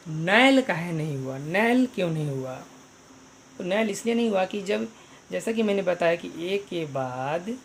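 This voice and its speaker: Guy teaching pronunciation really slow, repeats everything, spells letters out, bit of faint noise behind. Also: sits high, vocal fry. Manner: repetitive, spells out letters, addresses viewers as friends. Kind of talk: online pronunciation lesson.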